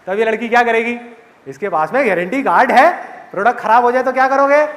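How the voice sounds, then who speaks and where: A man in his thirties from India gives a live motivational talk in an animated, joking way, questioning the audience in a large auditorium. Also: very high-pitched, quick pace, a little hiss or hum. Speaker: motivational speaker. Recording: reverberant hall with audience.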